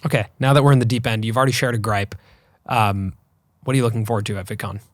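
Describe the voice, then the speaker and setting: A man in his thirties co-hosts a podcast, chatting in a relaxed, conversational way full of fillers and "likes." His voice is fairly low and fast, captured in a dry, clean studio recording.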